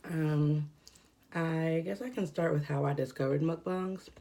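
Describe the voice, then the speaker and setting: A woman's voice: sits low, measured pace, creaky. A young adult woman talking casually while eating a mukbang meal at home, rambling with lots of fillers and breathing heavily from a cold. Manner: rambling, filler-heavy, relaxed. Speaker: mukbang vlogger. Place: at home indoors.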